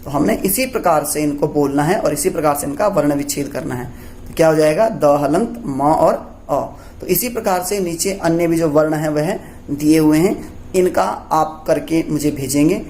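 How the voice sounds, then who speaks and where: A man's voice: a little high, normal speed, a little mellow, slight background noise. A man teaching a Sanskrit lesson for young pupils. He asks questions and answers them himself, checking in often as he goes. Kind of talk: classroom lesson explaining letters.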